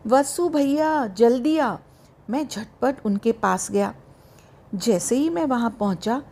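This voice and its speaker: A woman narrating a novel in the first person, in a slow, measured, literary reading. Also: fairly high pitch, a little mellow. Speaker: audiobook narrator. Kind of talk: scripted audiobook narration.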